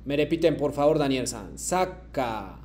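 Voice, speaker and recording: A man teaching a Japanese class over a video call, patiently modeling each phrase slowly for students to repeat. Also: mid-range voice, lively intonation, darkish tone, a little hiss or hum. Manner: patient, slow careful modeling of phrases for repetition. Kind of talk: online language lesson.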